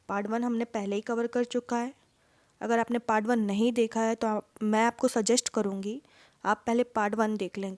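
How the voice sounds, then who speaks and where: A woman's voice: fairly high pitch, darkish tone, no room sound. A woman teacher giving an exam-prep lesson, asking questions and then answering them herself. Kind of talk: exam-prep lesson, Hindi mixed with English words.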